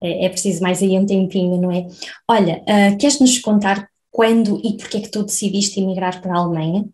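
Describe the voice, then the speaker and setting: This podcast host speaks with a European Portuguese accent, chatting through an interview, laughing readily and frequently checking on her guest. She has a medium pitch and a steady, slightly mellow tone, talking a bit quickly.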